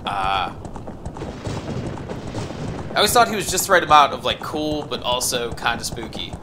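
A man's voice: mid-range voice, sing-song, normal speed, noisy background. A man in his thirties giving casual, rambling, sweary let's play commentary in a laid-back way. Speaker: gaming streamer. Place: indoor room at a computer. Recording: loud game music behind voice.

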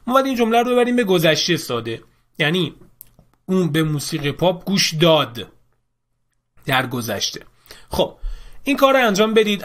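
A man runs a classroom grammar lesson in a somewhat high voice. He explains each rule patiently and circles back to repeat the key points. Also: a bit bright. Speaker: English teacher.

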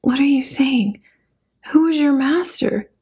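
A woman's voice: high-pitched, measured pace, a little mellow, voice pushed up. A woman voicing a frightened young male college student, as whispered role-play. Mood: terrified. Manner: panicked, frightened.

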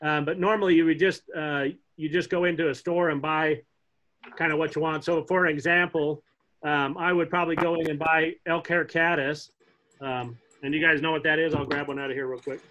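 A middle-aged man teaches a casual online class from his home, talking in a relaxed, chatty way and joking now and then. His voice is bright and a little higher than most men's. The sound is dull and lo-fi, as from a laptop webcam on a video call. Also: fairly quick. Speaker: fly fishing instructor. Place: home room, indoors.

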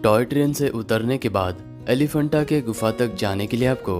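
A man narrates a travel guide in a steady, informative voice-over, his tone sitting at a middle pitch. Plucked guitar music plays clearly beneath him the whole time. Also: normal speed. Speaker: travel vlogger.

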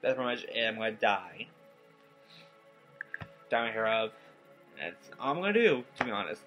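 A nineteen-year-old man giving a casual, rambling vlog update, tired and yawning, talking in halting stops and restarts. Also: lowish voice, very animated, muffled recording, music in the background. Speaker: gaming YouTuber. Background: faint game soundtrack.

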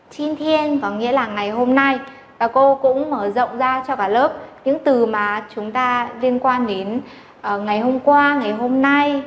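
A woman's voice: high voice, reverberant, long reverb tail, a little hiss or hum, poor audio. A woman teaching a Chinese language class in Vietnamese. She drills syllables one at a time and repeats each one. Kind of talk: classroom pronunciation lesson.

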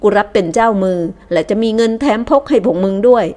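A woman voices a bold young nobleman giving orders to his men. He speaks bluntly and loudly, and he is used to being obeyed. It is an audiobook reading. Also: a little high, expressive, fast, lightly acted. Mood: commanding. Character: bold young Thai nobleman leading his gang, commanding.

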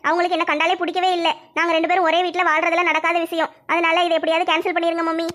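A woman's voice: very high voice, little pitch movement, racing, fairly bright tone. A woman voicing a tearful young bride-to-be who pleads with her mother in a comedy skit. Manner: whiny, pleading. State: crying.

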